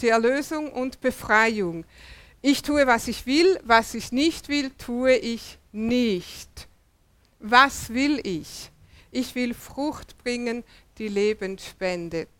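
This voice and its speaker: A woman's voice: on the high side, fairly bright tone, smooth, no room sound. A woman preaching a sermon, asking rhetorical questions and repeating words for emphasis.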